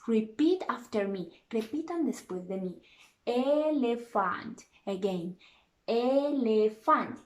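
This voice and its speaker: A woman teaching a bilingual lesson to small children, in a slow, exaggerated and playful way with gasps of surprise. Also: a little high, warm tone. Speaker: preschool teacher. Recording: roomy, distant from the mic.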